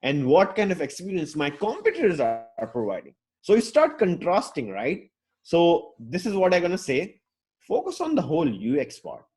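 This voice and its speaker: With a highish, slightly mellow voice, a breathy edge, and huge pitch swings at a moderate pace, this Pakistani UX designer talks casually to an online crowd. English is his fourth language, and he rambles outgoingly, with fillers and restarts throughout.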